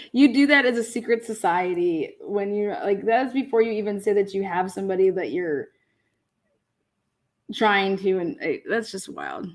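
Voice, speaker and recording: Animated laughing woman livestream host. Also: mid-range voice, unhurried. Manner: laughs often, swears casually, animated. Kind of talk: casual livestream chat reading viewer comments.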